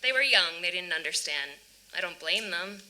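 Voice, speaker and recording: A woman's voice: on the low side, lively intonation, normal speed, pushed and bright, poor audio. A woman playing an awkward, wistful young woman with a hesitant, stammering delivery, cold-reading a stage play. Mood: friendly, guarded. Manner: hesitant, stammering, nervous small laughs. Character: Phoebe, awkward, wistful young woman reuniting with old friend.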